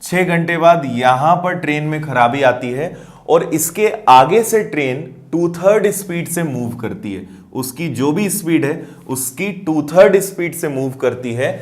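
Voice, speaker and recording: A man's voice: on the high side, animated, unhurried. A man teaching maths, explaining word problems step by step and checking that students follow. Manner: explanatory, checks understanding with questions. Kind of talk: explaining math problems on a board.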